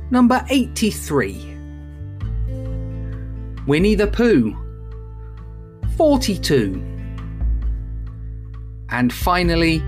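A podcast host reading from a script in the measured, announcing manner of a bingo caller. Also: medium pitch. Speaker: podcast host reading prayers, quiz and sign-off.

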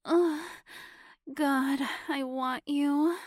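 A woman's voice: steady tone, extremely slow, no room sound, clean studio sound. A woman playing an eager, breathless young woman.

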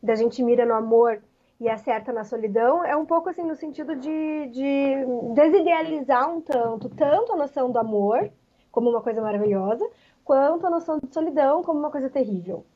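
Female author, reflective and halting, slightly high, muffled lo-fi sound. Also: husky. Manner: reflective, many pauses and "né" fillers. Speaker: author being interviewed. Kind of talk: interview answers.

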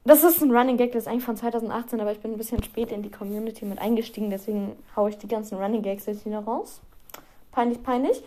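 A teenage girl talks on her own podcast in a loose, chatty way. Her voice sits a little high, and she drifts between topics with self-mocking asides and small giggles. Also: steady tone, quick pace, mellow. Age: teens. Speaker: podcast host. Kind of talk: casual solo podcast chat.

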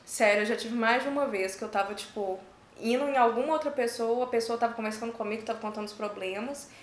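A woman in a casual chat, expressive and quick to react. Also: a little high, slight background noise. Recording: roomy echo.

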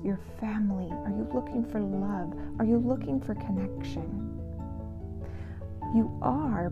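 A woman giving a card reading straight to the listener, reflective and deliberate, phrase by phrase. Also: mid-range voice, gravelly, dull audio. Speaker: host and intuitive card reader.

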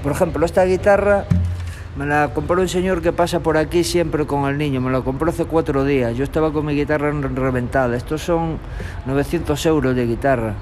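A young man from Galicia, a street guitarist, talking in a relaxed, rambling way in an outdoor tunnel. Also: fairly high pitch, fairly quick, music in the background. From Galicia, Spain. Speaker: street musician. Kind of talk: street interview. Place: tunnel in a city park, outdoors.

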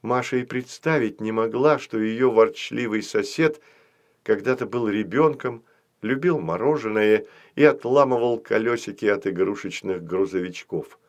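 A man narrating a children's fairy-tale audiobook with expressive storytelling. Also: on the low side, normal speed.

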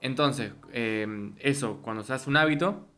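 A man's voice: mid-range voice, a little slow, a bit bright, faint music behind. A man with a Rioplatense Spanish accent co-hosting a casual podcast, thinking aloud and searching for words. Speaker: podcast co-host. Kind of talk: casual chat.

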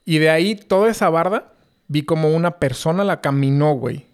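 A man's voice: fairly high pitch, fairly quick, clear, resonant tone. A young man with a Mexican Spanish accent, telling a long story in casual, slangy chat full of fillers. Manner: slangy, rambling, many fillers.

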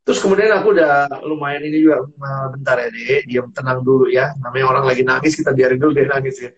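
A man's voice: medium pitch, quick pace. Earnest man on lo-fi audio. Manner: earnest, acts out quoted dialogue. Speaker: guest speaker.

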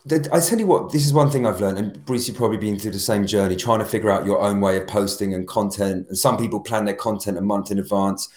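Low-voiced man chatting in an echoey room. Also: fast, hardly any pauses. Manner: animated, rambling with restarts. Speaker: guest. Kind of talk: casual podcast conversation. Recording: roomy echo.

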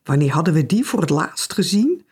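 A woman's voice: low voice, big pitch swings, brisk, a little mellow, breathy edge. A woman narrating a novel in the first person, with a dry, wry, understated delivery. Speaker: audiobook narrator.

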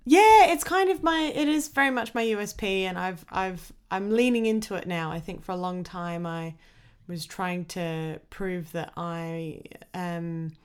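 An Australian woman, a comedian, chatting casually as a podcast guest, talkative and animated in her storytelling. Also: fairly low pitch, unhurried, clear, resonant tone. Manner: chatty, with lively acted-out quotes.

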